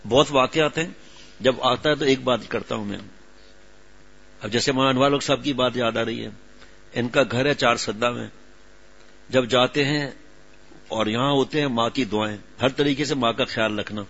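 A man's voice: mid-range voice, long pauses, a bit bright. A middle-aged man preaching a sermon, telling stories in an earnest, emotional way and acting out quoted dialogue. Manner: storytelling with acted-out quoted dialogue. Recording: dull lo-fi recording.

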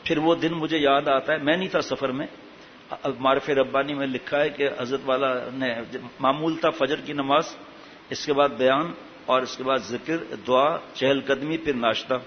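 A man's voice: medium pitch, fairly even intonation. Preacher guy, fired up, keeps throwing questions at the crowd, faint hiss, sounds like a big reverby hall. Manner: impassioned, with many rhetorical questions. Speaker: religious preacher. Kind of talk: sermon. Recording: echoey hall, dull lo-fi sound.

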